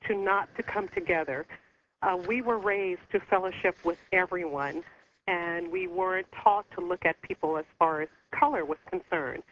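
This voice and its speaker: Earnest woman caller over the phone. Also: fairly low pitch. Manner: earnest, concerned, halting with fillers. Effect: heard over the phone. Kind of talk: call-in radio talk. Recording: muffled phone line with faint hiss.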